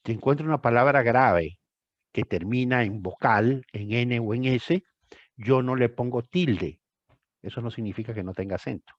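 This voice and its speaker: A man's voice: mid-range voice, no echo. Older male tutor, emphatic and repetitive, dry lo-fi call audio. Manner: emphatic, repeats phrases for stress. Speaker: thesis tutor. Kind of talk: one-on-one tutoring session.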